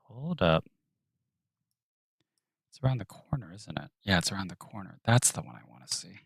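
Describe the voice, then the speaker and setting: Male streamer, deep voice, close and dry, muttering commentary while he works. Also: expressive, normal speed, vocal fry, breathy edge, no room sound. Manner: thinks aloud, muttering and whispering to himself. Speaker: 3D artist streaming his work. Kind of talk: live-stream narration of work.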